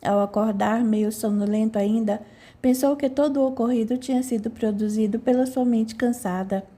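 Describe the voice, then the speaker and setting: A woman narrating an audiobook in a calm storytelling manner. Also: on the high side, normal speed.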